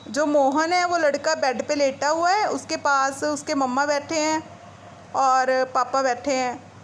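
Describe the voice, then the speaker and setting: A woman's voice: sits high, steady tone, a little slow. A woman teacher reading a short play aloud and then retelling each part in casual, mixed Hindi and English, with faint noise in the background.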